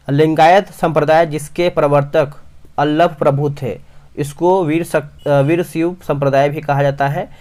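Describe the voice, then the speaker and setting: A man's voice: on the high side, darkish tone. A young man reading quiz questions and answers at speed for exam revision, often restarting words and calling viewers his friends. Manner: rapid, frequent restarts, addresses viewers as friends. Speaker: quiz teacher.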